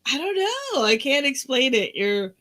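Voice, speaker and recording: A woman's voice: sits high, sing-song, measured pace, sharp tone. A woman co-hosting a casual podcast, amused and giggling at her partner's jokes. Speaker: co-host.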